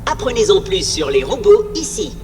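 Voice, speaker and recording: A woman's voice: fairly high pitch, huge pitch swings, normal speed, noisy background. A woman voicing a cheerful, servile robot concierge in a video game, courteous and theatrical like an announcer selling services. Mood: cheerful, promotional. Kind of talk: scripted game character dialogue. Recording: game music behind, some long reverb.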